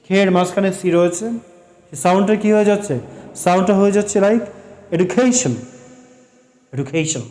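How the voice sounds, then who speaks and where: A man with a Bengali accent teaching pronunciation, slowly spelling out and repeating sounds and mixing in English phrases. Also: high-pitched, level tone, darkish tone. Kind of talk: classroom-style lesson.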